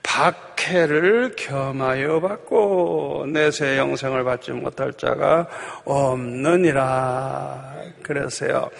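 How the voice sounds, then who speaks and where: A male pastor preaching a passionate sermon, swinging between loud emphatic bursts and soft asides and prodding the congregation with quick questions. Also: on the high side, vocal fry. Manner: prods the congregation with tag questions. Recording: long hall reverb of a church.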